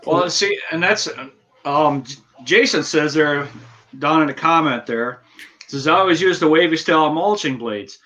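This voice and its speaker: A man's voice: a little high, normal speed, pushed and bright. An American man explaining things casually as a lawn care worker in a live chat. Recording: dull lo-fi audio, faint noise.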